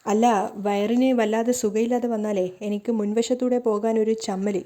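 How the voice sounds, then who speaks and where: A woman's voice: fairly high pitch, fairly even intonation, moderate pace, mellow, close to an everyday voice. Woman reading as a stammering sly cheat. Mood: evasive. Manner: stammering, evasive. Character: nervous sly cheating young man, Manohar.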